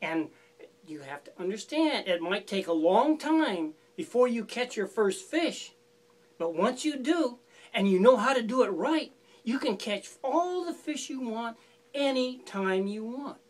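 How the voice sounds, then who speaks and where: A scheming male fox with a smooth, persuasive way of talking, put on by a woman telling the tale. His lines swing up and down with lively, playful pitch. He sounds like a storybook trickster. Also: unhurried. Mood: coaxing. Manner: coaxing, falsely friendly instructions.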